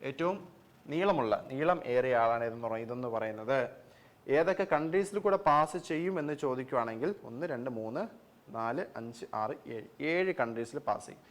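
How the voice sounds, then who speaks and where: A man's voice: medium pitch, lively intonation, normal speed. A young man with a Malayali accent teaching an online geography class for exam coaching, asking questions and answering them himself, with English phrases mixed in.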